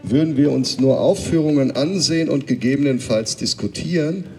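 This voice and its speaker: A man giving a formal speech in a sports hall, measured and deliberate. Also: mid-range voice, a little mellow, soft background music. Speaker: event speaker. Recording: reverberant hall from a distance.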